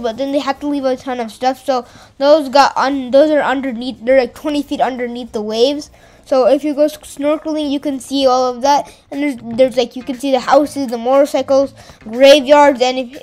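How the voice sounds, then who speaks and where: A woman's voice: high-pitched, poor audio. A woman narrating a travel vlog in a casual voice-over, chatty, with frequent fillers and restarts. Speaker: travel vlogger.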